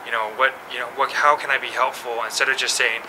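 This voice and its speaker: A man's voice: medium pitch, fairly even intonation, quick pace. A man in his thirties giving a casual interview outdoors, easygoing and laughing often at himself, recorded on a camera mic. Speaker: mountain bike website staffer. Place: outdoors by a building wall. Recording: noisy outdoor camera audio.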